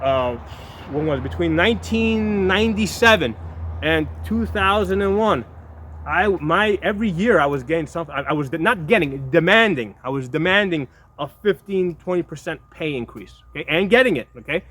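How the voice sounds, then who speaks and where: A man in his fifties hosts a video, chatting casually to his viewers in a blunt, rambling manner, restarting words and asking "right?" over and over. His voice sits on the high side, animated and a bit bright, at a moderate pace. A little hiss or hum runs under the recording.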